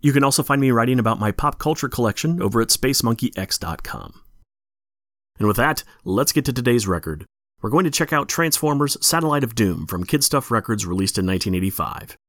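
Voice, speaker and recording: A man's voice: medium pitch, expressive, fairly quick, a bit bright, dry recording, clean studio sound. A tired man hosting a podcast, reading a plainspoken scripted introduction. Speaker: podcast host.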